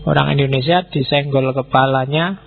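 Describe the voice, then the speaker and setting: A man giving an informal philosophy lecture to students, chatty and teasing, acting out quick exchanges and mixing in words. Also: medium pitch, fairly even intonation, creaky, phone-quality sound, slight background noise.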